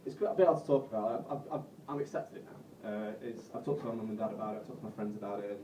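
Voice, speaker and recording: A man in his twenties from Bolton with a Northern English accent, doing a live stand-up set in a self-deprecating, halting way with frequent swearing. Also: lowish voice, warm tone, slight background noise. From Bolton, England. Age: 20s. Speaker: stand-up comedian. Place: comedy club stage. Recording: roomy, distant, muffled live recording.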